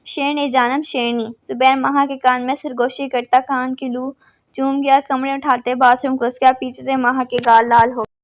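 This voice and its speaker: A woman reads a romance novel aloud in a high, bright voice. Her delivery stays level and even, voicing every character the same way. The recording is dry and close, with no room sound. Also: no room sound. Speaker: novel narrator. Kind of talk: scripted audiobook narration.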